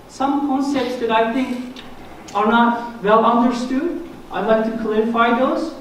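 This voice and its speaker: Turkish-accented man lecturing in an echoey hall. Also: very high-pitched. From Turkey. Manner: earnest, explanatory, self-deprecating humor. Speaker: guest speaker. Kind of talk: church presentation on Islam. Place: church hall. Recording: echoey hall, mic from a distance, faint noise.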